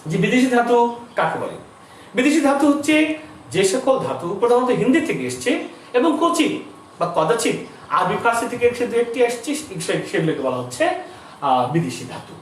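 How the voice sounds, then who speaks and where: A middle-aged man teaches a school grammar lesson in a high, very lively voice, repeating each term and putting questions to the class. He sounds far from the mic in a strongly echoing room with faint background noise. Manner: explains slowly, repeats terms, asks students questions.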